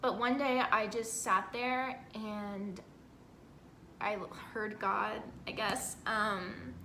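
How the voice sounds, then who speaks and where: A woman's voice: mid-range voice, fairly even intonation, extremely slow, pushed and bright, echoey room, slight background noise. A woman in her twenties from Texas, talking candidly and earnestly in a personal vlog, with lots of "like" fillers. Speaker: vlogger.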